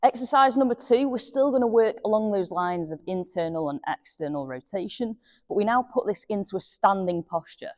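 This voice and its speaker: A woman's voice: medium pitch, brisk, darkish tone, dry recording, studio quality. Breathless woman coaching hip exercises. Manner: clear step-by-step cueing while demonstrating. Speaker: golf fitness coach. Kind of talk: instructional exercise demonstration.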